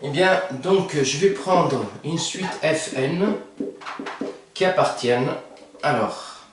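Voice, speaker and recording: A man's voice: fairly high pitch, slow pace, noisy background. Echoey, hesitant male math teacher. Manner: hesitant, many fillers and self-corrections. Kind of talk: whiteboard math lesson. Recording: echoey room, mic far off.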